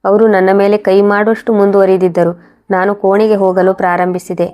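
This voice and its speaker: A woman narrating a first-person moral story in a steady, even reading voice. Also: medium pitch, a little fast, dull audio.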